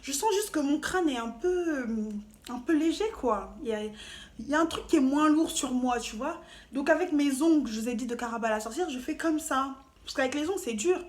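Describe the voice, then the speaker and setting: A woman telling a story to camera in a casual, animated and slangy way, with playful asides. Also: high-pitched, moderate pace. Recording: roomy echo, faint noise.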